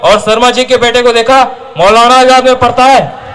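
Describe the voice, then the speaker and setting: A man's voice: very high-pitched, steady tone, moderate pace, a bit bright. A man playing a stern, nagging middle-aged father talking on the telephone to his son, admonishing him in an amateur stage play.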